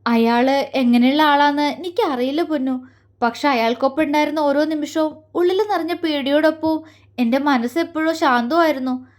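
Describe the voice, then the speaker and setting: A woman voicing a gentle young heroine who speaks softly and haltingly, close to tears, in an audio story. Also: sits high, natural voice. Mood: wistful. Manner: soft, hesitant, halting.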